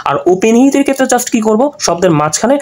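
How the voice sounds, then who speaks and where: A man's voice: extremely high pitch, animated, fast, darkish tone. A man teaching an exam-prep grammar lesson, explaining through repeated examples and frequent check-ins.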